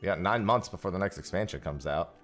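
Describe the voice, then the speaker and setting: Man, livestream headset audio, chatty gamer, deep-ish voice, animated delivery. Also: fast talker, faint music behind. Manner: chatty, joking, thanks viewers for gifts. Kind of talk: casual livestream chat while gaming. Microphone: headset mic, livestream audio.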